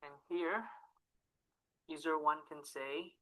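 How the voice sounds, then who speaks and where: Casting: teen boy from Taiwan, bright crisp voice, scripted project demo. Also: fairly high pitch, slow pace, low-quality recording. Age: teens. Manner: scripted, even, reading through steps. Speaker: student presenting a project. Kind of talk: recorded project demo narration.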